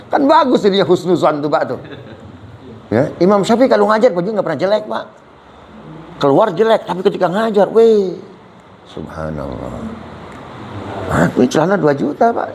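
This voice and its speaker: A man's voice: sits high, a little hiss or hum, low-quality recording. A man preaching an Islamic lecture, joking with his audience and constantly addressing them as "Pak", dropping "subhanallah" between points. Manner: animated and joking, often addressing listeners as "Pak". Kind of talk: lively religious lecture with audience questions.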